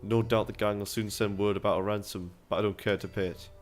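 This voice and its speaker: A man's voice: lowish voice, fairly even intonation, fast talker, soft background music, close to an everyday voice. A man reading a game's dialogue aloud, voicing a scheming middle-aged male town merchant in a persuasive, businesslike way with put-on accents.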